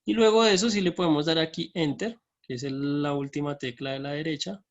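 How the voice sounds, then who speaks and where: A man's voice: on the high side, steady tone, a little fast, highs cut off. A man teaching an online math lesson from his computer, explaining each step and checking in with his students.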